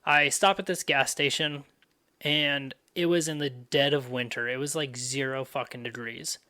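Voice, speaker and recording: A man's voice: medium pitch, fairly even intonation, moderate pace, sharp tone. A young man hosting a podcast, telling a story in a loose, profane, casual way full of fillers. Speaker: podcast host.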